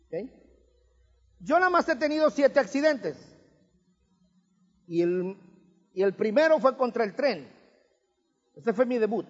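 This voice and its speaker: A man's voice: very high-pitched, lively intonation, unhurried, long pauses. A man preaching a sermon with emphatic rhetorical questions and touches of humor. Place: church hall. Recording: reverberant hall, dull lo-fi sound.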